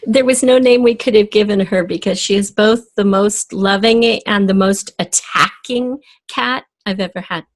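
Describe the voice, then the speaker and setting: A middle-aged or older woman, an audio drama creator, chats casually as a podcast guest in an interview, talking at normal speed with hardly any pauses in a mid-range voice. She's at home in front of bookshelves, recorded on a USB desktop microphone.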